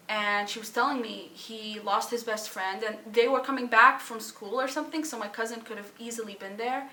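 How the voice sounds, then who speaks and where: A young woman from Syria telling her personal story, halting and emotional, with pauses, sighs and restarts. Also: on the high side, bright, forceful tone, roomy sound, distant mic, poor audio. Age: young adult. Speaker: student sharing her story. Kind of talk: personal testimony.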